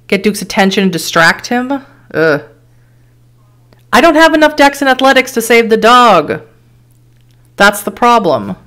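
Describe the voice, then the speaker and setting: A woman streamer reading an interactive horror story aloud, with quick surprised asides and laughs as she weighs each choice. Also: a little high, sing-song, a bit bright.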